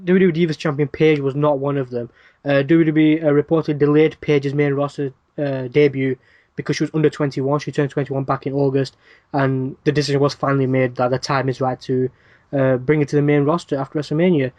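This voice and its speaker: A man's voice: medium pitch, level tone, a little fast, a little mellow, no room sound, highs cut off. A man hosting a wrestling podcast, reading news items in a casual rundown with dry asides and plenty of "uh" fillers.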